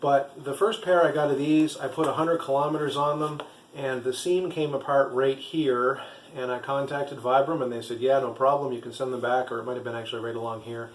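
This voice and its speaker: An echoey room recording with faint background noise carries a man's voice at an average pitch. He talks casually to camera like a hobby vlogger reviewing gear. His explanations ramble a little and come with hesitations. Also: fairly even intonation, brisk. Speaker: vlogger and trail runner.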